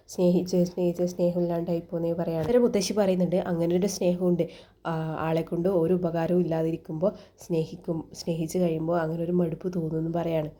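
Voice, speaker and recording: A woman's voice: on the low side, dark tone. A woman casually retelling a TV serial episode scene by scene, quoting each character's lines and tagging them with who said what. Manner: retells dialogue with "she says" tags and fillers.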